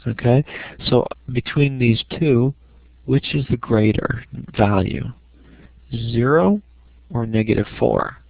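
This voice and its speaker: A man's voice: medium pitch, takes it slowly, creaky, dry recording. A middle-aged man giving an informal, step-by-step lesson as a teacher, often checking in with "okay". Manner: checks understanding with frequent "okay". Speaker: math teacher. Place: small room at home. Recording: dry, dull lo-fi home recording.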